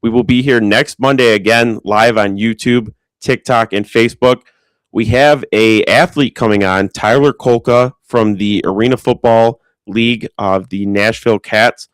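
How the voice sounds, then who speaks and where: Low-voiced podcast host. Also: male voice, fairly even intonation, clear, resonant tone, no echo, poor audio. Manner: friendly, agreeable, quick asides. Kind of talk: casual sports talk.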